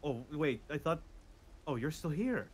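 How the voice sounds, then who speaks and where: A man plays a tabletop role-playing game in casual chat. His delivery is wry and a little halting, with a very varied pitch. Faint noise sits behind him. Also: lively intonation. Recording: background noise, room ambience.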